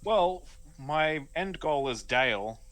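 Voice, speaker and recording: A man's voice: fairly high pitch, animated, takes it slowly, a bit bright. A man taking part as a player in a tabletop game, eager and chatty.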